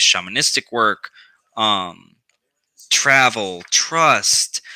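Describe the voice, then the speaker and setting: A man with a lowish voice and a very bright, sharp edge talks slowly in a casual how-to vlog. He rambles with frequent ums and restarts and swears freely. The sound is dry and close. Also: no room sound, poor audio. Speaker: occult practice vlogger.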